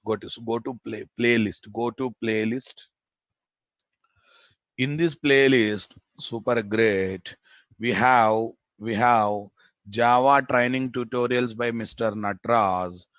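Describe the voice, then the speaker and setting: A man's voice: mid-range voice, fairly bright tone, no echo. A man with a Telugu Indian accent giving an informal live technical lecture as a programming instructor, repeating phrases for emphasis and answering his own questions. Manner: informal, addresses students as boss.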